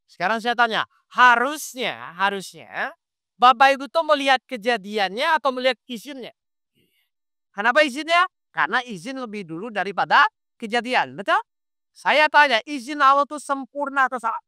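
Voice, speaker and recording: A man delivers a lively sermon, constantly testing his listeners with quick questions. His voice is bright and crisp. The sound is dry and close. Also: very high voice, no echo. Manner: quizzes the audience with quick rhetorical questions; lively, conversational preaching. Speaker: Islamic preacher. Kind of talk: sermon to a congregation.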